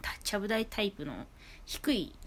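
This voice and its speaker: Chatty woman with a high, carrying voice. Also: very animated, fairly quick, fairly bright tone. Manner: chatty, rambling, many fillers and asides. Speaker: podcast host. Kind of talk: casual solo podcast talk. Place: at home. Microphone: iPhone on a low table.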